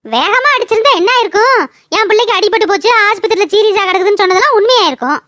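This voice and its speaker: A woman's voice: very high-pitched, animated, pushed and bright, full character voice. Woman voicing a fiery young village wife. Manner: indignant, protective, quick retorts. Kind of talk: cartoon voice acting.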